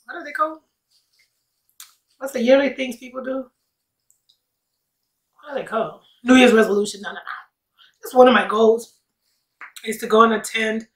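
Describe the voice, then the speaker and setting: A woman's voice: fairly high pitch, moderate pace, pauses often. A woman in her late thirties chatting casually to camera over a meal, sassy, playful and rambling, as a mukbang vlogger. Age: late 30s. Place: indoors, seated at a table. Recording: roomy echo, distant mic.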